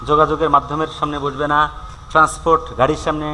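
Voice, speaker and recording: Teacher, male, Bangladeshi accent, crisp forceful tone, reads examples slowly, reverberant room. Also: on the high side, level tone, a little hiss or hum. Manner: reads English examples slowly, then explains. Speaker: English grammar teacher. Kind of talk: recorded classroom lesson.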